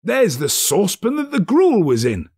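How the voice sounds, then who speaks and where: Man playing jubilant old Scrooge, high and swooping. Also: moderate pace, breathy edge, exaggerated voice. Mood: giddy glee. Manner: exclamatory, breathless, excitable. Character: jubilant reformed old miser Scrooge, giddy and overjoyed.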